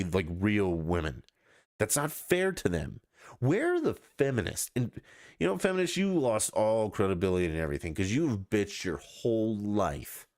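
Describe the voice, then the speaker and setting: A man's voice: on the low side, no echo, studio quality. A man hosting a podcast, talking in a blunt, profane, scoffing monologue with mocking quoted asides. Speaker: podcast host. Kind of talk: casual opinion monologue.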